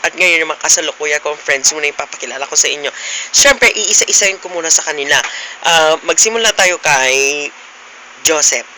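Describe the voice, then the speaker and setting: Young man, high bright voice, playful teasing, casual vlog chat. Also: a little hiss or hum, low-quality recording. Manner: playful teasing, frequent giggles. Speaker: vlogger.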